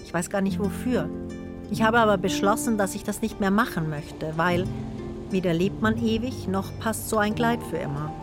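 A woman reads her own reflections in a thoughtful, inward voice. Her pitch sits in the middle. Music plays clearly beneath the narration. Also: normal speed. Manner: thoughtful, introspective.

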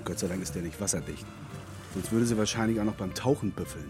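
A man's voice: sits low, quick pace, music in the background. An actor playing Robert, a young man in love, teasing and pleading in a radio drama.

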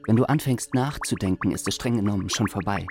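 An actor playing a scent expert in a radio play, speaking in an instructive way. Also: male voice, lowish voice, fast talker, over music, natural voice. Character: male scent expert lecturing. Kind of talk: literary radio play acting.

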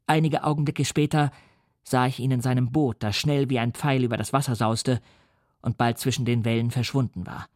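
A man reading a gothic novel aloud in first person, measured and tense. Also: mid-range voice, steady tone, darkish tone, no echo, clean studio sound. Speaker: audiobook reader. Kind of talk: scripted first-person narration.

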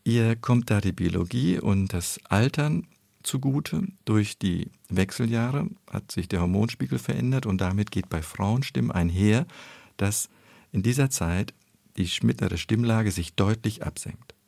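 A man explaining speech research in an interview, in a measured, analytical way. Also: lowish voice, vocal fry, darkish tone, dry recording.

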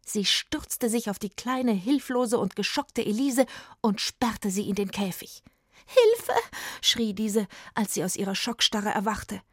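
A woman reading a children's story aloud, expressive and sometimes hushed. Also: medium pitch, unhurried, breathy edge, dry recording, studio quality.

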